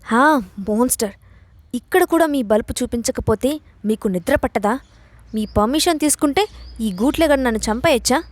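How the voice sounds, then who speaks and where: A woman voicing a feisty, sharp-tongued young woman who talks in a shrill, exasperated way. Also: lively intonation, normal speed, long pauses, dry recording.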